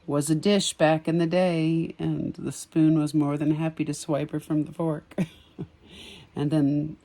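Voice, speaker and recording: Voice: mid-range voice, little pitch movement, a little slow, dark tone. Casual vlog commentary, outdoors, musing, meandering, many ums, light chuckles. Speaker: sketch artist and empathic reader. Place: outdoors on a spring evening.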